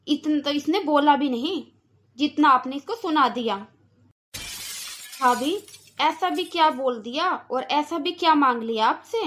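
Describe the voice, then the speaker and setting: A gentle mother, voiced by a woman for a cartoon, speaking softly in a high voice. She sounds wounded as she defends her young daughter. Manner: soft, wounded. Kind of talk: cartoon voice acting.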